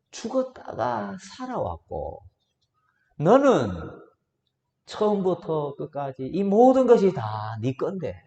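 A man voicing a patient old father who gently coaxes his son, in a reverberant hall. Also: a little high, voice pushed up, exaggerated voice. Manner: soft, slow and coaxing. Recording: roomy church hall reverb.

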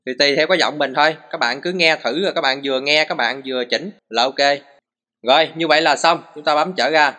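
A man's voice: on the high side, brisk, sharp tone. A man walks through a phone recording tutorial step by step, patient and full of short repeated cues.

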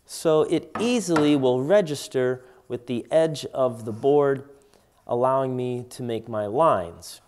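A man's voice: medium pitch, slow, a little mellow. A man in his forties teaching woodworking, explaining tools plainly and steadily as he demonstrates them in his workshop. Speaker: woodworking instructor. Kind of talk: tool demonstration tutorial. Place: home woodworking shop, indoors.

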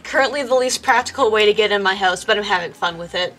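A woman's voice: medium pitch, fast, fairly bright tone, faint music behind. A woman streamer chatting casually through a voice changer, giggly and joking, with lots of filler words. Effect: voice changer with a slight delay.

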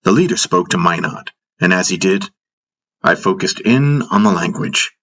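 Low, husky male audiobook narrator. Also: lively intonation, normal speed, a bit bright. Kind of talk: first-person audiobook narration.

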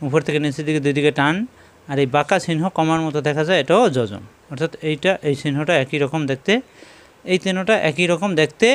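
A man teaching Quran reading, giving slow step-by-step lessons and repeating each sound several times. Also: fairly high pitch, clear, resonant tone.

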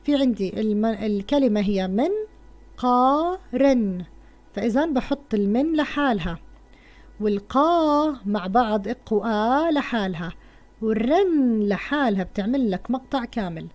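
Woman, Levantine Arabic accent, children's teacher, slow word-by-word spelling, soft mellow tone. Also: on the high side, expressive. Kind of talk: first-grade lesson for children.

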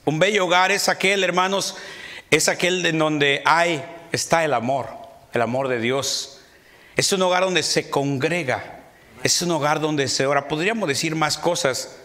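A middle-aged pastor preaching in a church, his voice bright and ringing as he climbs into shouts and calls out amen after amen. He sits a little high for a man and keeps the congregation close with quick asides and playful mimicry. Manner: preaching with rising shouts and repeated amens. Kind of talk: sermon. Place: church sanctuary.

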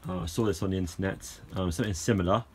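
This man's low, darkish voice comes out rapid-fire with a breathy edge. A car owner vlogger, he films a casual how-to vlog on a phone camera held in an outdoor garage yard, rambling through the project with fillers and restarts.

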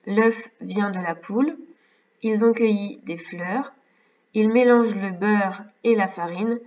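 French schoolteacher woman, patient step-by-step correction, dull distant recording. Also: medium pitch. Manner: slow, careful, explains step by step. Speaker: primary school teacher. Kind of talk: correcting exercises for young pupils. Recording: distant, slightly dull mic.

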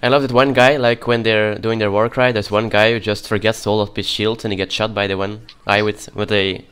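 A man's voice: lowish voice, flat delivery, a little fast, fairly bright tone, clear, resonant tone. A man hosting a casual co-op gaming session, joking and laughing often. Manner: giggly, jokey, laughs often. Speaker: let's play host.

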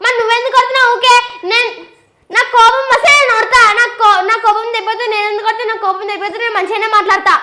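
A child arguing quickly and indignantly in a playful staged reality-show skit. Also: extremely high pitch, level tone, bright, forceful tone, reverberant, a little hiss or hum. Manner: quick and indignant, protests a lot. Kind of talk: playful argument.

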